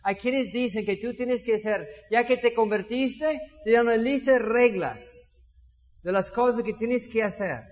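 A man preaching a sermon as pastor, animated, acting out little dialogues with shifting voices. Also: extremely high pitch, measured pace. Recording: dull sound in a reverberant hall.

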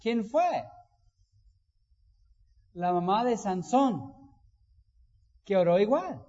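A man preaching a sermon, acting out quoted voices and rising to loud emphasis. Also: high-pitched, very animated, extremely slow. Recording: dull sound with long hall reverb.

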